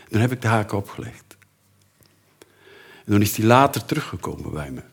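A man preaching a sermon and telling a personal story, earnest, rising to emphatic lines and dropping to hushed whispers. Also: on the low side, big pitch swings, fairly quick, creaky, breathy edge.

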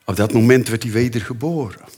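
A man preaching a sermon and telling a personal story, earnest, rising to emphatic lines and dropping to hushed whispers. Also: medium pitch, fairly quick, breathy edge.

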